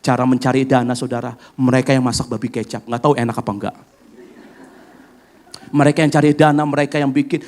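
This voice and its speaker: A middle-aged man preaching a sermon as pastor, lively and acting out family conversations while addressing the congregation directly. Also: medium pitch. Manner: animated preaching, acts out family dialogue, addresses congregation as "saudara".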